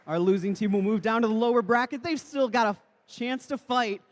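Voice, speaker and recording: A man's voice: extremely high pitch, a little fast. A man announcing a live competition as the event's MC, introducing the sides and explaining the stakes. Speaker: robotics event MC. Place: large competition venue.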